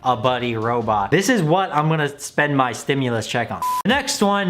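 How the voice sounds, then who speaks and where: A man's voice: on the high side, a bit bright. A man giving casual, joking commentary as a video host, critical and mocking in manner. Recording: music playing behind the voice. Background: background music.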